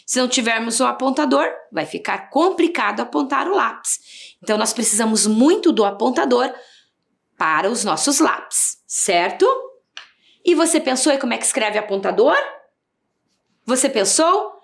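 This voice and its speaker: A woman's voice: fairly high pitch, animated, normal speed, gravelly. A Brazilian woman teaching a video reading lesson to young children, stretching out syllables and asking sing-song questions. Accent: Brazilian Portuguese. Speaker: primary school teacher.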